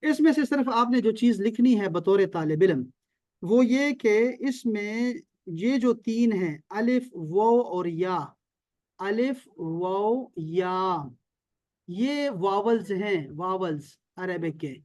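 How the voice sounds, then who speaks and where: High-pitched male teacher, dry close sound, video call, repeats key terms, keeps checking students follow. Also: lively intonation, darkish tone, no room sound. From Pakistan. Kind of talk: online Arabic and Quran lesson.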